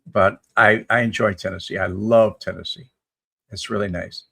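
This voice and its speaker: A man in his seventies with a low, gravelly, husky voice chats casually on a livestream. He reads out viewer comments and answers them in a rambling, folksy way. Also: fairly even intonation, moderate pace, a bit bright. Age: 70s. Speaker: livestream host answering chat. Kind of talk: casual live chat reading viewer comments.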